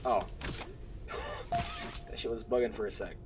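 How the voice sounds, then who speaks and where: A man's voice: fairly low pitch, steady tone, measured pace. A young man hosting a horror game let's play, chatting casually, swearing and getting scared. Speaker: gaming channel host. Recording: game music playing under the voice.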